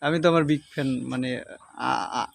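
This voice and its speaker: A man's voice: on the high side, steady tone, brisk, creaky. A man chatting casually to viewers and companions as a vlogger on location. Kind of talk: casual vlog chat.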